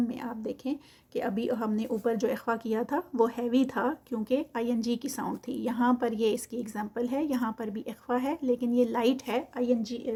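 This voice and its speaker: A woman gives a recitation lesson with a slightly high voice. She chants each phrase slowly and stretched out, then drops into quick, matter-of-fact explanation of the rules. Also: dark tone, breathy edge. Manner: alternates slow drawn-out recitation with quick explanations. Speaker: Quran recitation teacher. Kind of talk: tajweed lesson with slow recitation.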